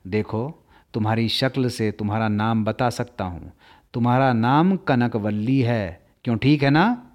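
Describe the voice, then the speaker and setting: A man voicing a poor, gentle old toymaker who speaks quietly and sadly in a storybook reading. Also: medium pitch, voice pushed down, natural voice. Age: older. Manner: quiet, soft and slow.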